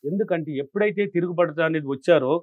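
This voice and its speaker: A man's voice: on the high side, fast, dry recording, phone-quality sound, faint music behind. A man, a money affirmation coach speaking as an interview guest, emphatic and repetitive, quizzing his listener.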